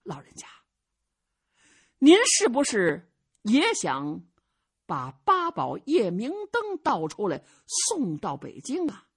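A woman doing a respectful young chief, lively eager questions, slightly husky. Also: mid-range voice, slow, pauses often, exaggerated voice. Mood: coaxing. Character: polite young male fortress chief, respectful.

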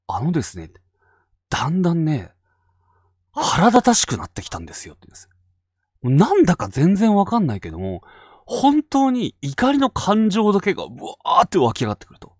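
A man from Fukushima hosting and narrating a spoken ghost story, dropping to hushed tones for tension. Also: fairly high pitch, wildly swooping pitch, fairly quick, long pauses, dry recording, studio quality. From Fukushima Prefecture, Japan. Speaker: ghost story teller and host.

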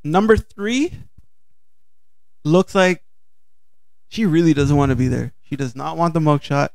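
High, creaky-voiced man chatting. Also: a little slow, a little mellow, no room sound. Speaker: comedy panelist. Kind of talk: casual chat, joking banter. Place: living room, indoors. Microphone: handheld microphone.

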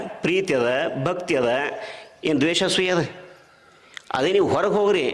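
High-voiced North Karnataka preacher in a hall. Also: male voice, a little hiss or hum. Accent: North Karnataka Kannada. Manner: asks the crowd rhetorical questions. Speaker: preacher at a spiritual discourse. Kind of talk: devotional sermon with folk storytelling.

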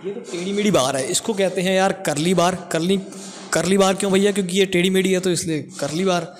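A young man with a slightly high voice leads a casual, chatty walkthrough of an indoor gym. He talks straight to his viewers and jokes as he goes. A lapel mic picks him up over a faint hum in the room. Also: quick pace. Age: young adult. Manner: chatty, joking, addresses viewers directly. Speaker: vlogger giving a gym tour. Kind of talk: casual walking tour vlog. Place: indoor college gym, medium-sized room. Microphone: clip-on lapel mic.

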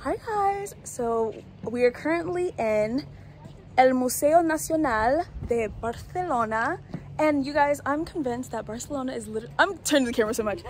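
A woman's voice: high voice, normal speed, slight background noise. A woman vlogging her travels in a chatty, upbeat way, talking to her viewers on a phone camera outdoors. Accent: Haitian-American. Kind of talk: casual travel vlog.

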